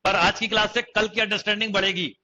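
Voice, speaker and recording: A young man lectures a maths class in a high, very bright voice, constantly checking that the students follow. The recording is dull and lo-fi, like a streamed coaching session. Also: fairly even intonation, fast. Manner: questioning students, repeating phrases. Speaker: maths teacher.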